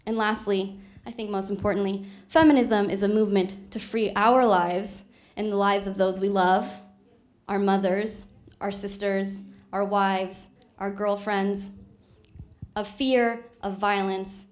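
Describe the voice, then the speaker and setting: A woman's voice: medium pitch, little pitch movement, measured pace. A woman gives a short stage talk in an earnest, persuasive way. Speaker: speaker.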